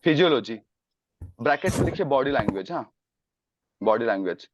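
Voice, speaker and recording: A man's voice: mid-range voice, animated, normal speed, lo-fi sound, a little hiss or hum. A man teaching a sales class on a video call, mixing Hindi and English and quizzing his students. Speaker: sales coach.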